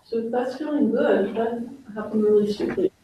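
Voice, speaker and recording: A woman gently guiding a group through an exercise as facilitator. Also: a little high, moderate pace. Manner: gentle, instructive, laughs often. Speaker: workshop facilitator. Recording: roomy echo, distant mic, faint hiss.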